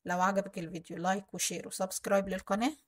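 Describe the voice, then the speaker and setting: A woman's voice: medium pitch, steady tone, rapid-fire. A woman with an Egyptian Arabic accent giving earnest advice to viewers in a vlog, often restarting and hesitating mid-sentence. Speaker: channel host.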